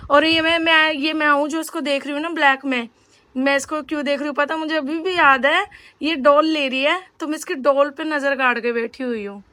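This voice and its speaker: A woman's voice: high voice, fairly even intonation, a little fast, pushed and bright, no echo. A young woman vlogging in a casual, rambling way, chatting straight to her viewers. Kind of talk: casual vlog chat.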